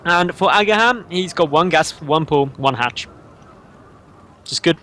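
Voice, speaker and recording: A man commentates a video game match with a playful, teasing streak and takes time to explain the builds. His voice is a little higher than most men's. A faint hiss sits underneath. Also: measured pace, sharp tone. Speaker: esports caster.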